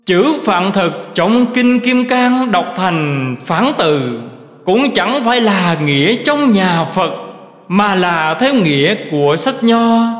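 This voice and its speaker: A man giving a slow, measured recitation of Buddhist teachings in a scripted reading style. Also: high voice, lively intonation, a bit bright. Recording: roomy recording with long reverb.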